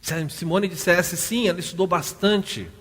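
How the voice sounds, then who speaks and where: A man with a Brazilian Portuguese accent preaching a sermon, telling a story with lively rhetorical questions to the congregation. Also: high voice, normal speed, slightly rough. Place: church hall. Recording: church hall reverb.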